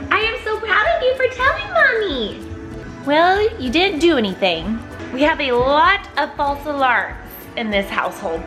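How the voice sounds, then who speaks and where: A young woman and mother talking candidly in a casual home vlog, sometimes praising her toddler in a sing-song voice. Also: on the high side. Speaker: mother and vlogger.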